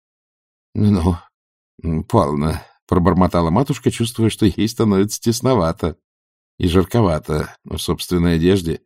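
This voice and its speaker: A man reading a story aloud with an expressive, ironic delivery. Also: low-pitched, normal speed, no room sound, clean studio sound. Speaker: audiobook narrator. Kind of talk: scripted narration.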